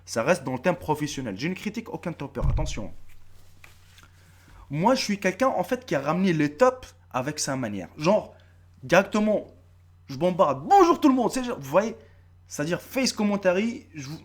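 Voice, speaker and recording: This YouTube creator, a man in his thirties with a North African French accent, speaks at a moderate pace in a fairly high voice. His casual face-to-camera vlog is animated and full of swearing and repetition, and he talks straight to his viewers.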